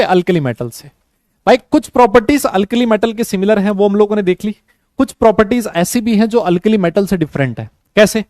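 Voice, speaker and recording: Man, chemistry teacher, high voice, unhurried, dry close sound, quizzes students. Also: no room sound. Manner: relaxed, talks slowly, mixes Hindi and English, quizzes students. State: has a headache. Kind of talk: online class lecture.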